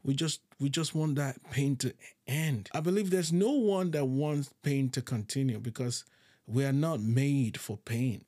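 A man with a slightly raised speaking pitch shares a personal reflection on suffering and faith. He talks earnestly and haltingly, circling back and repeating words while he looks for the right ones. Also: a little mellow. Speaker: podcast host. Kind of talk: reflective solo talk about faith. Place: living in Japan.

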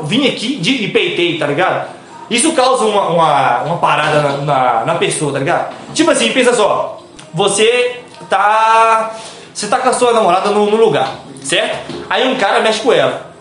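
A young man hosting a casual podcast, telling a story in a slangy, lively way and acting out the people in it. His voice sits high for a man. The room around him is echoey. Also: a little hiss or hum. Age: 20s. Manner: slangy, animated, laughs often, acts out voices in his stories.

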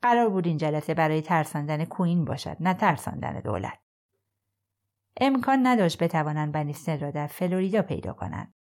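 Low-voiced woman narrating an audiobook. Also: lively intonation, a little mellow. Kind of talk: scripted narration.

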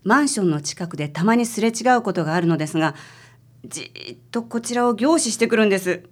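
This actress voices a worried married woman asking a detective for help, speaking politely, hesitantly and with apologies as she anxiously tells her story. Her mid-range voice is lively and quick, lightly acted, for a radio drama.

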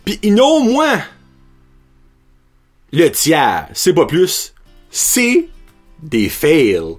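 A man's voice: fairly high pitch, extremely slow, faint music behind. A young man with a Québécois accent, hosting and telling crude, profane stories in a casual rambling monologue. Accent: Québécois French. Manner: crude, profane and animated, with frequent laughs.

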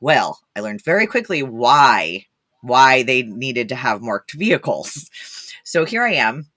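Animated woman with a bright voice. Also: a bass voice, measured pace, no echo. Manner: blunt, animated, many "like" fillers. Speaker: podcast guest, animal rescue founder. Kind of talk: casual storytelling.

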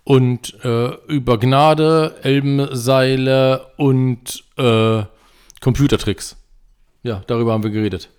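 A man co-hosting a podcast with dry, deadpan humor. His voice sits in a middle pitch. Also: takes it slowly, smooth. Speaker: podcast co-host. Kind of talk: casual chat.

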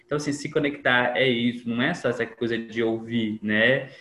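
A man's voice: mid-range voice, steady tone, a little fast, pushed and bright. A man as a podcast guest in casual conversation, reflective, often acting out quoted dialogue. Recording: echoey room with faint noise.

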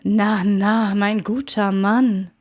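A woman reading the lines of a calm male lawyer in an audiobook, measured and formal. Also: medium pitch. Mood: composed.

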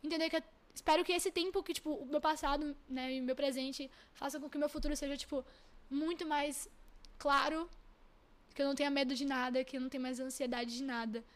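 Young woman guest, high-pitched, emotional, rambling chat, near tears. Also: steady tone, fast. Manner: tearful, rambling and self-teasing. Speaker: podcast guest.

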